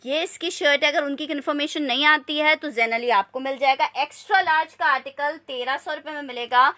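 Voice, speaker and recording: A woman hosts a live shopping stream. Her voice is high and bright, with a forward edge. She repeats details in a steady sales patter and breaks off to chat casually with viewers. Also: brisk. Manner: repetitive selling patter, repeating prices and sizes. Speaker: live online clothing seller.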